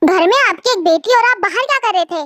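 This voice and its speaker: A woman's voice: extremely high pitch, animated, quick pace, fairly bright tone, no echo, clean studio sound. A young woman voicing a short-tempered young woman who scolds bluntly, in a storybook reading. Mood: scolding. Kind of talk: storybook voice acting. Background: faint background music.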